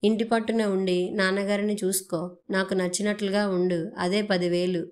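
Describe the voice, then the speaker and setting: A woman voicing an irritable, defensive young husband who answers in sharp, reproachful lines. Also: mid-range voice, level tone, moderate pace, close to an everyday voice. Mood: irritated.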